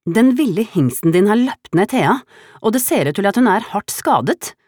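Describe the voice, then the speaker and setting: A frightened young woman gives hurried, urgent orders in a raised, strained voice, as a woman reading the story puts her on. The sound is dry and close, with no room heard. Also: fairly low pitch, animated, a little mellow, dry recording, voice pushed up, lightly acted. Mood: distraught. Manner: urgent, anxious, commanding. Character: worried young woman, foster mother.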